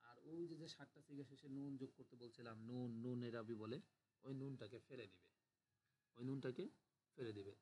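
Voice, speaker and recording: A man's voice: mid-range voice, steady tone, fairly quick, dark tone, a little hiss or hum. Man teaching a patient grammar drill. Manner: patient, repeats forms aloud for drilling. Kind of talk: online class lecture.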